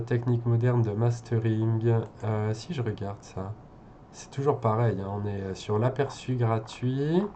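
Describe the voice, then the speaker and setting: A man's voice: medium pitch, warm tone, a little hiss or hum. A man working as an SEO consultant, thinking aloud as he reviews a website, hesitant with many fillers and restarts.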